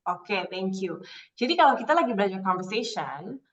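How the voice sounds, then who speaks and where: A woman teaching an English class in Indonesian, slowing down to model English phrases. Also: medium pitch, very animated, far from the mic, low-quality recording.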